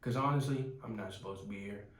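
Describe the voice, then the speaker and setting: A man's voice: on the low side, quick pace, a little hiss or hum. A man in his twenties giving an earnest, rambling personal testimony with frequent restarts. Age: 20s. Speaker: testimony speaker. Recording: roomy, from some distance.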